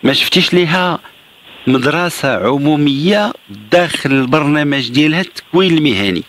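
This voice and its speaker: A man's voice: a little high, expressive, a little fast, fairly bright tone. A Moroccan man hosting a radio call-in show, explaining options to a caller in a patient, reassuring way. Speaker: radio advice host.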